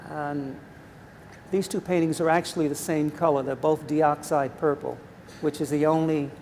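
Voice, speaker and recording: A man in his seventies, an artist talking in a gallery conversation in a measured, reflective way, pausing with ums. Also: a little high, gravelly, darkish tone. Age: 70s. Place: large art gallery. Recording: reverberant gallery with faint noise.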